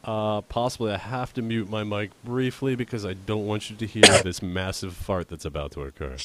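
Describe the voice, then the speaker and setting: A man's voice: fairly low pitch, moderate pace, heavy background noise. A man acting as game master, narrating a tabletop game in a casual manner. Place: indoors at a game table on an online call.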